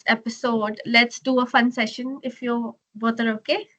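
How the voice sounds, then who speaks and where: Woman, webcast host, playful, laughs a lot, fairly high voice. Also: level tone, moderate pace, fairly bright tone. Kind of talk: casual interview chat.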